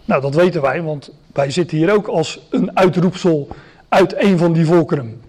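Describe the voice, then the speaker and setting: Male preacher, high voice, teaching sermon, halting delivery with many fillers. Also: darkish tone, husky. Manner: explanatory, many hesitations and restarts.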